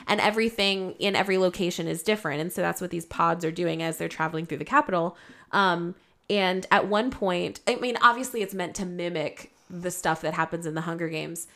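A woman's voice: fairly low pitch, fairly quick. Chatty woman podcast co-host. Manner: animated, lots of fillers and asides. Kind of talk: casual chat.

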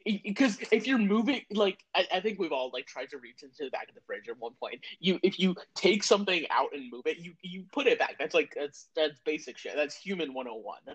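Husky animated man on a podcast. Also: a little high, brisk, hardly any pauses, rough recording. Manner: animated, stammers on restarts, swears casually. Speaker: podcast co-host. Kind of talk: casual chat.

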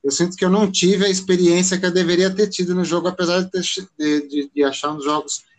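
A man with a Brazilian Portuguese accent hosting a casual podcast chat, opinionated and animated, often restarting his sentences. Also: sits high, fast talker.

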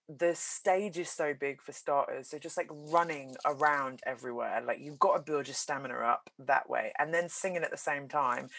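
A woman's voice: deep voice, a bit bright, no echo. A woman with a British accent, a theatre performer chatting casually as an interview guest. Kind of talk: casual group interview chat.

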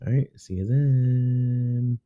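A man's voice: mid-range voice, flat delivery, takes it slowly, phone-quality sound. A man co-hosting a podcast in casual chat, joking around with crude, profane banter. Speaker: podcast co-host.

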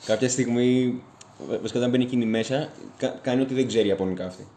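Casual male co-host, rambling, self-correcting, slangy, mid-pitched voice, faint background noise. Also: mellow. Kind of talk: casual chat.

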